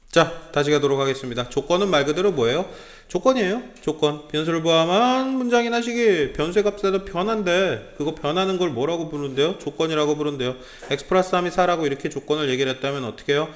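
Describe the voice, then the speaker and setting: A man with a medium-pitched voice works as a math tutor, lecturing a small class. He keeps checking in with the students through constant tag questions and tosses in blunt, slangy asides.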